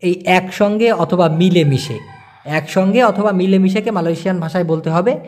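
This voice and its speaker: A young man with a high, light voice gives a casual language lesson. He explains each word patiently and repeats it slowly, checking in with his listener as he goes. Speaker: language teacher.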